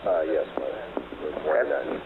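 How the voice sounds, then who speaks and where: A man working as a flight control officer, giving halting technical updates over a radio intercom. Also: extremely low pitch, fairly even intonation. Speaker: mission control guidance and navigation officer. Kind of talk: technical status talk on a voice loop. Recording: phone-like band, loud noise, archive loop.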